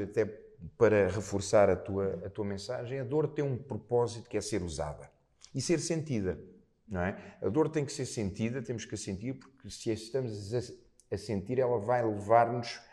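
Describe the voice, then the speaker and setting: A man's voice: lowish voice, mellow. A man with a European Portuguese accent hosting a casual interview, explaining things through everyday examples and frequent tag questions. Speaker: podcast host.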